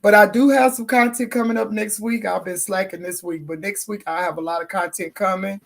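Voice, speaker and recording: Hoarse gravelly woman hosting a livestream. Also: medium pitch, fairly even intonation, fairly quick. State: hoarse, losing her voice. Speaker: livestream host. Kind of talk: casual livestream chat.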